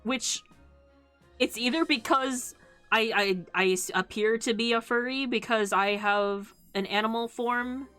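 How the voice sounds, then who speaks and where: Woman, mid-pitched voice, cute anime-streamer manner, casual livestream chat, playful, rambling, music in background. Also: fairly bright tone. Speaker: VTuber streamer.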